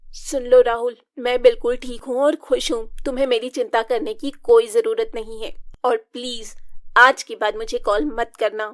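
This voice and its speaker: Expressive woman reading a family story. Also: on the high side, moderate pace, dry recording, studio quality. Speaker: narrator voicing all women. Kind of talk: storybook narration with character voices.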